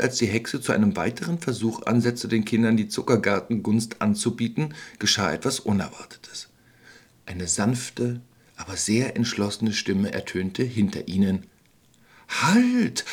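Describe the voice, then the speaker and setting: Husky man narrating a wry fairy tale. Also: fairly low pitch. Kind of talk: scripted storybook narration.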